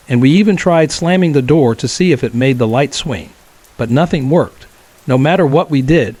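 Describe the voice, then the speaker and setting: A man telling a true horror story as scripted narration, in a calm, measured way. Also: medium pitch.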